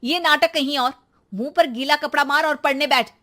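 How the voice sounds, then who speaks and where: A woman voicing an exasperated, sarcastic Indian mother who nags loudly and dramatically in a children's cartoon story. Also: high voice, moderate pace, voice pushed up. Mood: scolding. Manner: sarcastic, loud nagging with dramatic exclamations. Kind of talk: animated children's comedy story.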